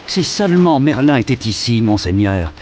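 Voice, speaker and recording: A grave medieval counsellor to a king, played by a male actor, delivers scripted game lines. He speaks in a measured, solemn and worried manner, at a middling pitch. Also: big pitch swings, darkish tone, a little hiss or hum, natural voice.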